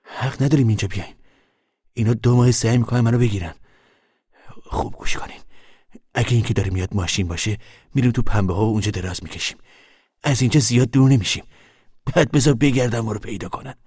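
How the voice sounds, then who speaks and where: An actor playing a hunted, bitter male squatter farmer in a radio drama, speaking in a wary, urgent way with a husky voice. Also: medium pitch, a little mellow, dry recording, clean studio sound, close to an everyday voice.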